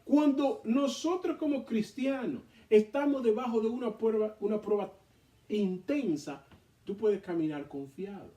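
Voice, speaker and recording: A man leading a Bible study, reading scripture aloud and explaining it in an animated way to a responding group. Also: high voice, unhurried. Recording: echoey room, mic far off.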